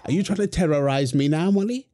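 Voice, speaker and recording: Talking fast in a slightly high, mellow voice, a man takes on the role of husband and dad for a wholesome audio roleplay. His manner is playful as he teases his partner and coos lovingly over their little one.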